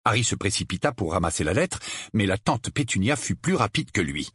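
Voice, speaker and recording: A man reading a novel aloud as audiobook narrator, steady storytelling delivery. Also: on the low side, fairly quick, slightly rough, no echo, studio quality. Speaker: audiobook reader.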